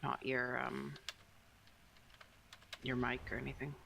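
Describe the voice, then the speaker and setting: A man's voice: medium pitch, level tone, takes it slowly, vocal fry, bright, forceful tone, slight background noise. A man in a raid group talking casually over group voice chat, helpfully walking someone through a tech problem. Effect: heard over group voice chat.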